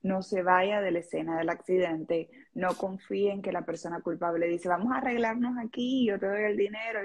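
Speaking as a radio guest, a personal injury lawyer from Venezuela walks through her points earnestly and step by step. She is in her thirties, with a lowish, slightly rough voice and a Miami Spanish accent tinged with Cuban.

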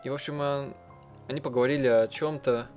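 Slightly mellow, steady, and medium in pitch, a gamer's voice carries his live translation of a visual novel along with casual remarks. He pauses frequently to rework what he's saying mid-sentence, over background music from the game.

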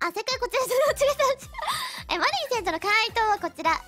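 A woman hosting a playful English quiz, teasing and giggly, reading English examples slowly. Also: very high voice, expressive, fairly bright tone, soft background music. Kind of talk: playful streamer chat.

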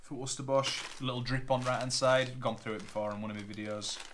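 Plastic bags crinkle as a Northern English plumber, seated at a table at home with a tripod-mounted camera, unboxes boiler parts and rattles them off chattily and matter-of-factly. He talks fast in a mid-range, fairly bright voice with fairly even intonation, over slight background noise in his living room.

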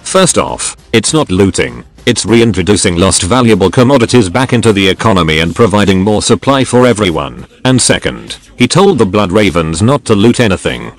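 A man's voice: on the low side, animated, moderate pace, hardly any pauses. A man voicing a glib, short-tempered male looter in an audio story, arguing and justifying himself. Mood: self-justifying. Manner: argumentative, self-justifying.

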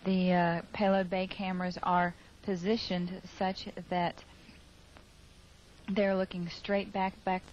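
A woman giving live spaceflight commentary over a mission control broadcast, measured and halting with fillers. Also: fairly low pitch, little pitch movement, a little mellow. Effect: radio-style mission control broadcast. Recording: dull lo-fi broadcast with faint hiss.

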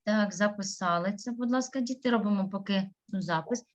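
A woman's voice: medium pitch, brisk, lo-fi sound. A woman teaching a primary school class, patiently sounding out syllables and words.

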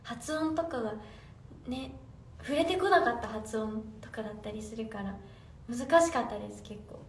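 Casual and bubbly, a young woman with a high voice livestreams from her phone at a moderate pace, reading fan comments and giggling as she responds. She sits somewhat off a distant mic in a roomy, echoing room with a faint noise hum behind her.

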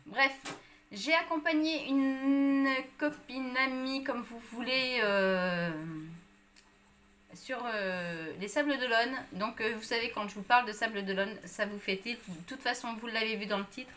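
A woman's voice: fairly high pitch, unhurried, sharp tone. A woman chatting casually to viewers about a shopping haul, with many fillers. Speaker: vlogger.

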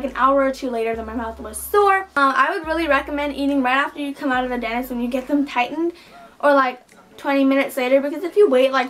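A woman's voice: high-pitched, fairly bright tone. A young woman chatting casually to camera as a vlogger in her bedroom. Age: teens to young adult. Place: small bedroom indoors.

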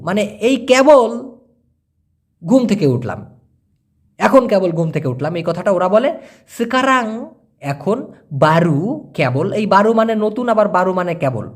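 A man giving a casual language lesson, explaining slowly and repeating words as he breaks them down. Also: high-pitched. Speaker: language teacher.

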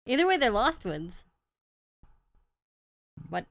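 Playful, animated young woman bantering. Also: fairly high pitch, takes it slowly, vocal fry, dry recording. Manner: playful, laughs often, banters. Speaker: let's play co-host. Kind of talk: casual gameplay chat.

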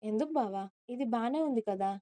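A woman plays a bubbly young woman who talks fast and pleads with a coaxing lilt. Her voice is fairly high, warm and smooth. It is recorded close and dry for a storybook reading. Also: close to an everyday voice. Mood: chatty. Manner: chatty, pleading, stammering when caught. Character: playful, nervous young woman.

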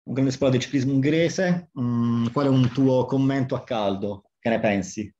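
A man's voice: mid-range voice, normal speed, dark tone. A man in his forties with an Italian accent, interviewing a guest conversationally over a video call from home. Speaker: interviewer, host. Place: book-lined room at home, on a video call. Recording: dull, lo-fi video-call audio.

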